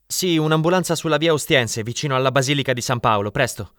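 A man voicing a calm, attentive young stranger who helps after an accident in a storybook reading. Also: medium pitch, fast, dry recording, studio quality, close to an everyday voice. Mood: urgent.

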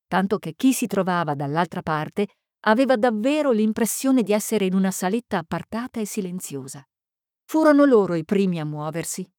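A woman narrating a mystery novel in a measured, suspenseful reading. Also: medium pitch, a little mellow, dry recording, clean studio sound. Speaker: audiobook narrator. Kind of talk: scripted narration.

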